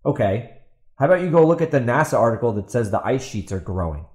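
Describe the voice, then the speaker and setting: Talking fast in a medium-pitched, sing-song and slightly mellow voice, a man runs a solo podcast. His commentary is a combative, exasperated, blunt rant that partly reads out a post and repeats itself along the way. Sound is roomy with echo.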